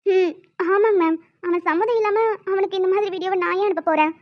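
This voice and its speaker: A woman voicing a defensive young female college student in an animated story. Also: very high-pitched, fast talker, lo-fi sound. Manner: pleading, defensive.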